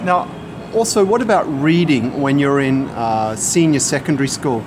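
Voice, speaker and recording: A man's voice: mid-range voice, normal speed, noisy background. A man working as an interviewer, asking conversational questions patiently and putting them in simple words.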